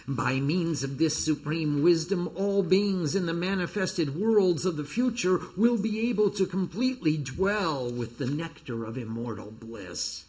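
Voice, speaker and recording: Guy leading a scripture reading, kinda high voice, slow steady recitation, stops to explain stuff. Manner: slow, measured recitation of invocations; breaks off to explain terms to listeners. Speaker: spiritual teacher leading a reading. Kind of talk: reading scripture translation with commentary.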